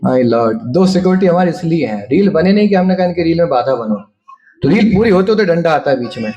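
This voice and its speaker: A man giving a devotional talk, telling stories in an animated way and playfully acting out the people in them. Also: on the high side, brisk, muffled recording. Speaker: preacher.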